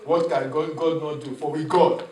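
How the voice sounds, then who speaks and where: A man preaching a sermon as pastor, animated, chuckling and calling for the congregation to respond. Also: on the high side, normal speed, crowd noise. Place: church. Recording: echoey church room, mic at a distance.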